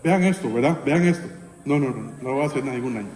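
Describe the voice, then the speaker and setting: Male pastor, chatty sermon style, warm dark tone, echoey sanctuary sound. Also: mid-range voice, expressive, quick pace, a little hiss or hum. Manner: conversational preaching, frequent "¿verdad?" tags. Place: church sanctuary. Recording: echoey church hall.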